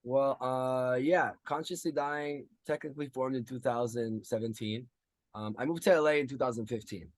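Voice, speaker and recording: A man's voice: medium pitch, steady tone, normal speed, no room sound. A man in his thirties from Israel, a guest musician answering interview questions in a rambling casual way with many ums.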